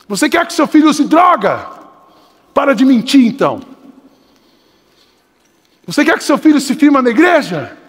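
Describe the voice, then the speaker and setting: An older Brazilian Portuguese pastor preaches with fervor, his unusually high voice climbing into shouts before falling to urgent, quieter pleading. The sound carries a long reverb from the church hall around him. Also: big pitch swings, normal speed, pauses often. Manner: impassioned, swings between shouting and lowered urgent tones. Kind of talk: sermon. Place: church sanctuary.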